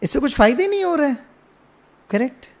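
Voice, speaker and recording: High-voiced man telling a story. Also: very animated, fairly quick, creaky. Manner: storytelling, asks the audience questions; mixes English phrases into Hindi speech. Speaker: spiritual speaker. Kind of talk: spiritual talk to an audience.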